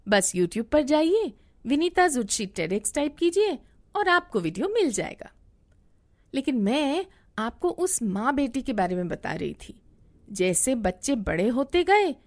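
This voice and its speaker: A middle-aged woman, a parenting coach, hosting a podcast and telling a story in an expressive way. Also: on the high side.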